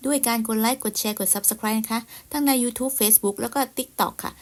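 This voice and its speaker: A woman teaching simple English words in a slow, patient lesson. She repeats each word and spells it out letter by letter, in a polite, soft-spoken manner. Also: fairly high pitch.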